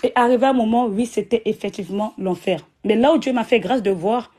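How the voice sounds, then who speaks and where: Woman telling her faith testimony, kinda high voice, repeats herself a lot. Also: fairly quick, warm tone. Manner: repetitive, retells with many fillers and restarts. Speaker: guest giving a religious testimony. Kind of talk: emotional personal testimony.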